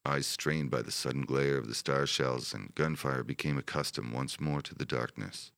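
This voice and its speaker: A man narrating a wartime history audiobook in a steady, measured manner. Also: a bass voice, gravelly, dry recording, studio quality.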